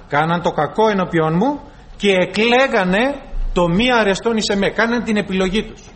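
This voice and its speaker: A male preacher giving a dramatic sermon, quoting scripture and acting out dialogues between God and people. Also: very high-pitched. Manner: dramatic, quotes and acts out dialogue, swings loud to soft.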